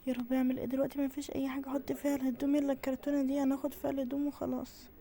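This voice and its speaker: A sheltered teenage girl with an Egyptian lilt, voiced by a woman rushes her words along in a game role-play. Her tone is mellow and a little dark, and she keeps talking herself through what to do. She is insistent and stubborn with her mother. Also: high-pitched, monotone. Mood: frightened. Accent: Egyptian Arabic. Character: teen girl kept indoors, eager, then frightened.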